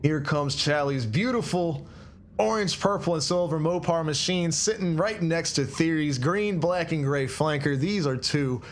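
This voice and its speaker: Male commentator, energetic and folksy; slightly high voice, noisy mix. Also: measured pace. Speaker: drift commentator. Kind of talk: live sim racing commentary. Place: home desk.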